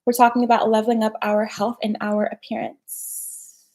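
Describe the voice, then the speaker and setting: A woman's voice: a little high, level tone, normal speed, warm tone. Chatty young woman on a livestream. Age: young adult. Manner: chatty, slangy, full of "like" and "right?". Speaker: personal development host. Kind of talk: casual live-stream chat.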